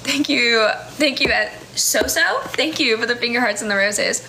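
Her pitch is high-leaning and her tone sharp, and she talks at a moderate pace over a slight hiss or hum. She's a woman in her twenties from the United States with a General American accent, hosting a livestream from a small indoor room and casually reading out viewer comments amid frequent laughter and fillers, captured close up on a phone camera.

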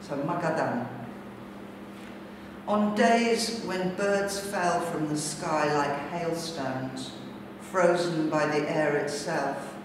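In a large bare brick-walled gallery room indoors, a middle-aged British woman with a low voice gives a poetry reading and reflective talk, her phrasing deliberate and measured. The distant camera microphone leaves the recording very echoey and noisy.

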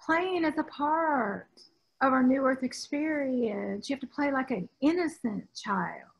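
A woman spiritual teacher in casual chat, animated, acting out quoted voices with many restarts. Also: high-pitched, measured pace, vocal fry, husky, rough recording. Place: outdoors on an island.

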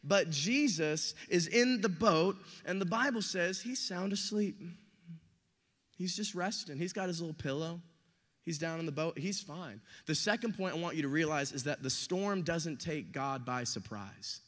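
A young man who is a youth pastor, preaching a sermon with animated delivery and acting out quotes and stories. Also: on the high side, moderate pace. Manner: animated, acts out quotes and stories with big swings in loudness. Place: church hall. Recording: reverberant hall.

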